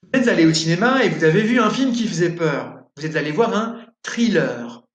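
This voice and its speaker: A man from France with a French accent, teaching a pronunciation lesson and articulating each example word clearly. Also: a little high, expressive, brisk, echoey room, highs cut off.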